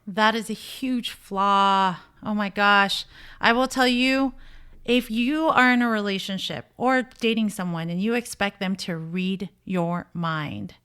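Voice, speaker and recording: A dating coach and show host, this woman speaks in a clear, resonant, slightly bright mid-range voice, unhurried and fairly even in intonation. Her conversational relationship commentary is blunt, emphatic and opinionated.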